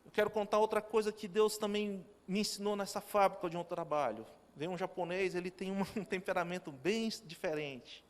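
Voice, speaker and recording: High-voiced pastor preaching in a church. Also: male voice, brisk, hardly any pauses. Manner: storytelling, with quoted dialogue. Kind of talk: sermon. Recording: long reverb of a church hall.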